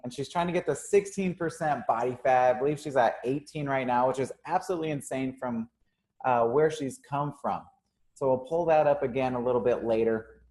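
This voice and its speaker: Hosting a casual live interview, the young owner of a gym sounds upbeat and leans on lots of ums and uhs. His medium-pitched voice is a little mellow and moves a little fast.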